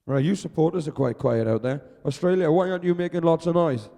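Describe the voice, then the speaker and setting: A man's voice: fairly high pitch, fast, vocal fry, dark tone. A Welsh man announcing a live event, chatting with and teasing the crowd between races. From Wales. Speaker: arena announcer. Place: outdoor arena. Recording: echoey arena PA.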